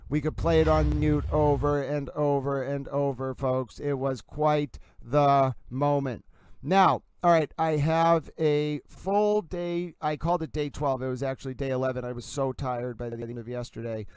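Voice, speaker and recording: A man's voice: medium pitch, steady tone, measured pace, a little mellow, smooth, no room sound. A man hosting a livestream in a mock sports-commentary style, showy and emphatic, repeating catchphrases. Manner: showman-like, emphatic, repetitive catchphrases.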